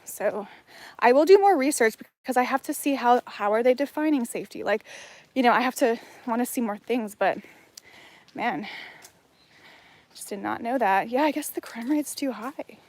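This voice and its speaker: A woman from Hawaii with a slightly high voice does a casual livestream at a moderate pace while out on a jungle walk. She reads her chat aloud and rambles, full of fillers and restarts.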